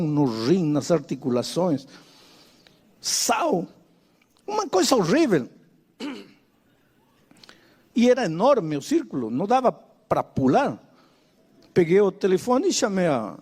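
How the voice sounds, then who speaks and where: Older man, preacher, non-native speaker, high voice, very lively pitch, dramatic storytelling. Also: husky. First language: Spanish. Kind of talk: sermon.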